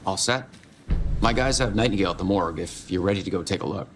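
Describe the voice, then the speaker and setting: An actor playing an easygoing small-town sheriff in a video game, talking in a folksy, casual, wry way. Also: male voice, sits low, quick pace, far from the mic, a little hiss or hum, natural voice. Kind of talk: video game character acting.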